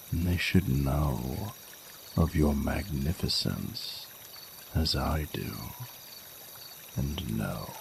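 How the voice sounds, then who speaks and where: A man voices an ancient, regal dragon king in a scripted romantic audio roleplay, using an exaggerated, exceptionally low rumble thick with gravelly fry. Slow, formal and intimate, he plays a tender, flirtatious lover with archaic courtly phrasing, sounding solemn and caring. Running water and noticeable noise are clearly audible behind him.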